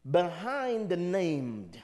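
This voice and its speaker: This spiritual speaker from Liberia has a high, dark-toned voice whose pitch swoops wildly as he draws out his words. He preaches a motivational sermon emphatically to a live crowd, posing rhetorical questions. He has a Liberian accent and is a native speaker of a Liberian dialect.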